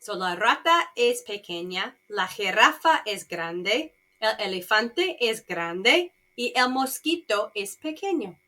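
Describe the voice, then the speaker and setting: In a beginner Spanish class, a woman asks students easy yes-or-no questions and translates every phrase, keeping the bilingual lesson slow and repetitive. She speaks slowly in a mid-range voice with a sharp tone, and she is very animated.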